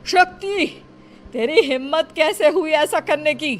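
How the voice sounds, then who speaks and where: A woman's voice: medium pitch, expressive, a little slow, soft background music, natural voice. A woman voicing a stern, protective kinnar guardian with a commanding, scolding manner in a dramatized story. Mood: angry scolding. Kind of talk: dramatized Hindi story acting.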